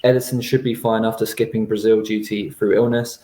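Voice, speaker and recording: Casting note: male analyst, brisk team-news rundown, roomy echo. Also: fairly low pitch, flat delivery, dark tone. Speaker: football analyst. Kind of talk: match preview.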